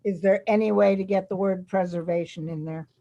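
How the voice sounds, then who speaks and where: A woman with a mellow, relaxed voice asks tentative questions at a public meeting. Her voice comes through slightly dull, lo-fi audio. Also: medium pitch, a little fast, slight background noise.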